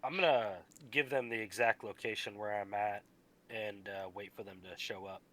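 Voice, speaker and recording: A man's voice: lowish voice, fairly even intonation, normal speed, sharp tone. A man playing a tabletop game, chatting casually and enthusiastically with his group. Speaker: player.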